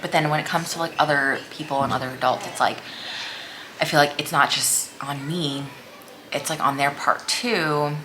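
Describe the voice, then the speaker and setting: A woman's voice: low voice, fairly even intonation, normal speed, crowd noise. A woman chats casually over a meal, rambling hesitantly and leaning on "like" as a filler. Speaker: vlogger. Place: small room at home, indoors.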